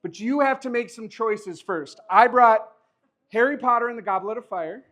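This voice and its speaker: High-pitched man doing magic show patter. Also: moderate pace, a bit bright. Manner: joking, chuckling, encouraging banter. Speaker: magician performing a live show. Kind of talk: live stage patter with a volunteer. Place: live show in front of an audience.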